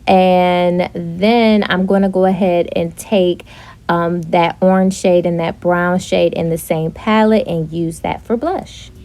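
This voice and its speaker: A young woman narrating a casual makeup tutorial, chatty and relaxed, with frequent fillers. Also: fairly low pitch, takes it slowly. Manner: chatty, with frequent ums and likes. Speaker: beauty vlogger.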